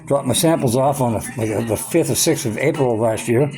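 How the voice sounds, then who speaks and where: A man's voice: mid-range voice, a little fast, over music. A man in his sixties ranting angrily about his medical troubles, swearing constantly and repeating himself as he talks. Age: 60s. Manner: profane, heated, repetitive ranting. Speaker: vlogger. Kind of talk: angry personal rant.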